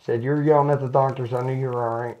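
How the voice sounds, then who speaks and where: A man's voice: mid-range voice, steady tone, fast, dull audio. A middle-aged man, a chiropractic patient, chatting casually and ramblingly while lying down for treatment. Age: 40s or 50s. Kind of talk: casual chat during a treatment. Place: small chiropractic office, indoors. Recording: noticeable background noise, clicks.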